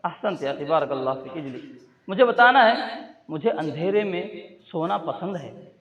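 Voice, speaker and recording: A man's voice: a little high, lively intonation, crowd noise. A man teaching a class, prompting students for a phrase and then repeating and explaining their answers. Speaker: Arabic teacher. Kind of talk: classroom language drill. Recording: dull lo-fi classroom recording. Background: students in the room.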